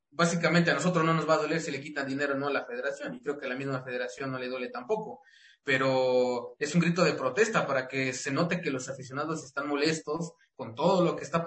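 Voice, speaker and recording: A man's voice: mid-range voice, fairly bright tone, roomy sound. A Mexican man co-hosting a football talk show, rambling with many restarts. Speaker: sports show co-host.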